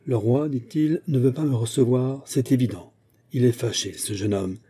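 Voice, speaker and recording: A man's voice: medium pitch, moderate pace, breathy edge, close to an everyday voice. A man voicing indignant musketeer D'Artagnan. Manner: indignant, sharp retorts. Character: proud, hot-tempered aging musketeer captain. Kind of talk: audiobook reading.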